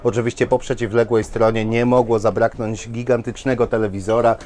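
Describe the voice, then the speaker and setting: A Polish man in his thirties, wearing a lapel mic, shows off caravans at an indoor trade fair and talks straight to viewers in an enthusiastic walkthrough full of fillers. His mid-range voice is brisk and a little mellow, with a flat delivery and a faint hiss or hum.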